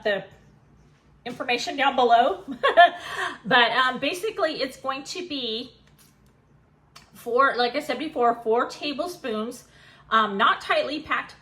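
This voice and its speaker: A woman's voice: on the high side, pushed and bright. A woman chatting and giggling through a casual home kitchen cooking demo, a bit self-deprecating.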